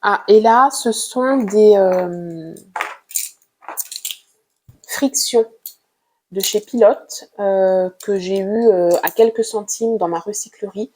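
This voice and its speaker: An art vlogger, a woman with a medium-pitched voice, casually shows off her drawing supplies. She speaks slowly and gently, hesitating often and filling pauses with "euh."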